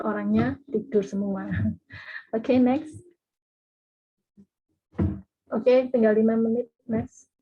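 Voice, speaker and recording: A woman's voice: a little high, darkish tone, husky. A woman speaker giving an online parenting seminar, explaining patiently and acting out sample intonations. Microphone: video call audio. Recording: dull lo-fi video call audio.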